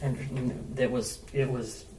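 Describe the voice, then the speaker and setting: In a mid-range voice and an unhurried pace, a podcast guest who blogs about travel recounts a story from a distance. His telling is animated and casual, studded with "like" and swearing, and the off-mic audio carries echo and slight hiss.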